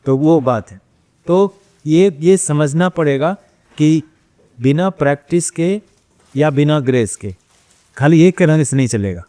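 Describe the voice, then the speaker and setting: An interview guest who runs an ashram cow shelter tells stories in a casual conversation, his fairly high voice animated yet dark in tone, delivered at a measured pace with frequent pauses and no room sound. He performs both the questions people ask him and his replies, dropping English phrases in along the way.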